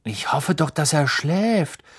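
An excitable schoolboy from an audiobook, voiced by a man, a little higher and louder than the narration. He blurts out his words with animated rise and fall. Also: moderate pace, gravelly, slightly rough, exaggerated voice. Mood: eager. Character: loud, excitable teenage schoolboy.

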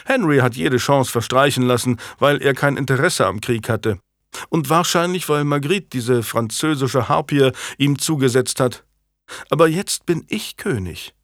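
A man voicing a genial, self-assured young English king in an audiobook, speaking in a lively, smiling way. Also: medium pitch, a little slow, dry recording, clean studio sound, lightly acted. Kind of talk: audiobook character voice.

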